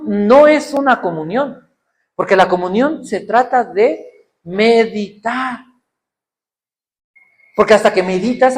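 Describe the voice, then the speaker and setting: A man with a Mexican accent preaching a sermon in an event hall, talking conversationally and asking rhetorical questions. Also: sits high.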